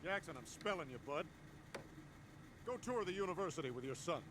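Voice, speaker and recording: Dumb cheerful cartoon dad guy playing him, brash, highish and really animated, noise behind. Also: brisk, lightly acted. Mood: breezy, self-satisfied. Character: brash, dim, cheerful suburban dad and agent.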